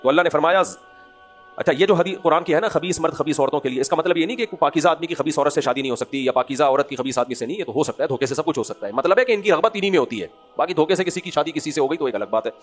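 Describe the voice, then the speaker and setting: A man with a somewhat high voice and a Pakistani Urdu accent delivers a religious lecture to a gathered audience. He preaches with animation, pressing home loud rhetorical questions before sliding into quieter asides. Faint music sits under the recording. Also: lively intonation. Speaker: Islamic scholar giving a lecture.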